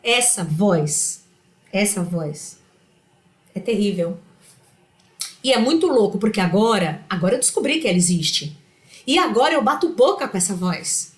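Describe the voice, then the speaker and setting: A woman's voice: mid-range voice, sing-song, unhurried, pauses often, reverberant. A woman hosting her own vlog, talking casually about psychology and acting out a harsh inner voice in quotes. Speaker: channel host.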